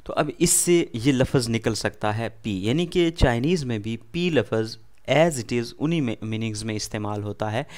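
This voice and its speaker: A man with an Urdu accent teaches a first beginner lesson at an ordinary middle pitch. He explains slowly and patiently, repeating each word and putting questions back to the listener before answering them himself. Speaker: language teacher.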